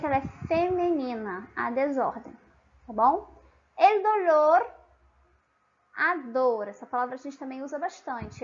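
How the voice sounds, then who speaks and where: Brazilian lady teaching a language online, high voice, keeps checking in, kinda dull sound. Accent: Brazilian Portuguese. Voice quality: patient, repeats and checks with frequent tag questions.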